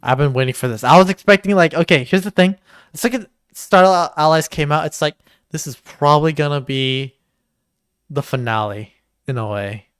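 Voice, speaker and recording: A man co-hosting a livestream in casual chat, excitable and jokey, swearing now and then. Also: a little high, normal speed, smooth, dry recording, clean studio sound. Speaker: stream co-host.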